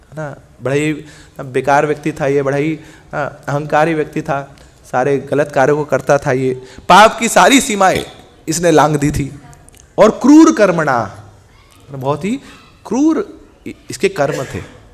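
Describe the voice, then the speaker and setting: Lively Hindi-speaking male preacher. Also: fairly high pitch, measured pace. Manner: lively storytelling, acts out the gods' dialogue, mixes in English words; asks the audience rhetorical questions and answers them. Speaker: preacher giving a scripture class. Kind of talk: Hindi scripture lecture.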